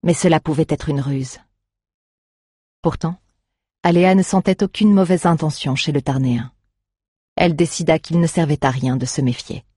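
Audiobook narrator, measured storytelling, husky voice, dry close sound. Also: medium pitch, warm tone, dry recording. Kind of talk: scripted narration.

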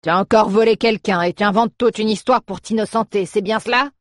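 A woman's voice: mid-range voice, fairly quick, no room sound, clean studio sound, pitched above the performer's own voice, close to an everyday voice. A woman voicing a burly male butcher who mocks and bullies a girl, in a sneering way. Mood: mocking. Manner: sneering, mocking. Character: fat burly male butcher, mocking bully.

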